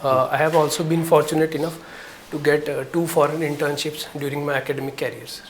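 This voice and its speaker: A young man from Jammu and Kashmir answering interview questions politely and deferentially, pausing often to gather his words. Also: a little high, steady tone, slight background noise. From Jammu and Kashmir, India. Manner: polite, deferential, hesitant with many pauses. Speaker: interview candidate.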